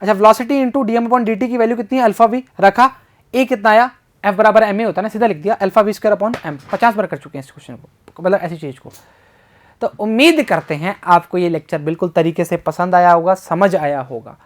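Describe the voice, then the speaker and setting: In a casual exam-prep physics lesson, a man with a high, fairly quick voice works through problems out loud. He reads the questions with English terms mixed in and keeps joking, talking both to himself and to his students.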